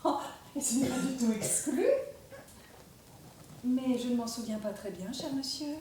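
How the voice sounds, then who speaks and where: A woman's voice: fairly high pitch, measured pace, warm tone, distant mic, a little hiss or hum, natural voice. A woman playing a gushing, easily amazed lady. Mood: amazed, polite. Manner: exclaiming, affected politeness. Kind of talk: stage play performance. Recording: echoey room, miked from afar.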